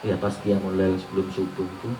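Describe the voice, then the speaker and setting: A man's voice: sits low, completely flat delivery, brisk, distant mic, background noise. Man preaching in a roomy, echoey hall. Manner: mixes Arabic recitation with colloquial teaching, asks rhetorical questions. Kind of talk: Islamic sermon. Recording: roomy echo, voice off-mic.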